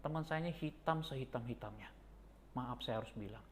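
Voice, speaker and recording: Lively pastor preaching. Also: male voice, fairly quick, a little hiss or hum. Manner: lively storytelling, jumps to high excited pitch. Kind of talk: sermon.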